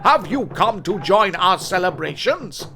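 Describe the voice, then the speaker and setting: A man's voice: high voice, very animated, a little slow, sharp tone, full character voice. A man voicing a friendly village chief in a cartoon, speaking in a courteous, welcoming way.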